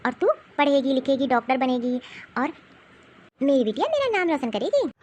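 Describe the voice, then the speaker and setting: A woman's voice: high-pitched, very animated, moderate pace, darkish tone, dull audio, slight background noise. A woman voicing a caring cartoon mother. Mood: soothing. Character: caring young mother, worried.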